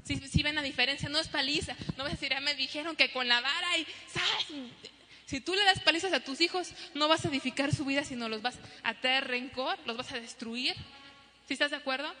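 A middle-aged woman preaching a sermon to a congregation, animated, acting out parents and children. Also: high-pitched, a little fast. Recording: long hall reverb.

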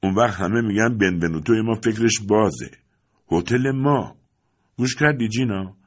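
A man's voice: fairly low pitch, expressive. A man voicing a skeptical immigrant mother in an audiobook, scoffing and dismissive.

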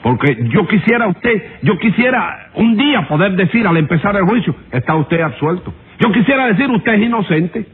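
A man's voice: high voice, expressive, normal speed. A man playing a stern judge who lectures and corrects words in an old radio comedy. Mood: exasperated. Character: exasperated pompous male judge. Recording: tinny old radio recording.

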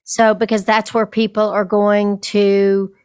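Smooth, dry-sounding woman co-host. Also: medium pitch, flat delivery, slow pace, a little mellow, dry recording. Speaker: podcast co-host. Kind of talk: casual chat.

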